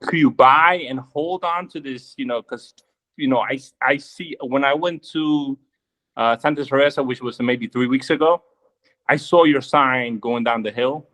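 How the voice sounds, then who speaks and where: A man's voice: mid-range voice, moderate pace, a bit bright. A man from Chile asking a question on a video call, laid-back and rambling, with lots of fillers. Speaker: caller.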